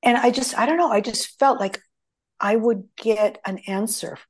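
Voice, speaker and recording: With a slightly high, breathy voice at a moderate pace, this middle-aged guest tells stories conversationally. Greek is her first language, and her rambling speech is full of fillers and restarts.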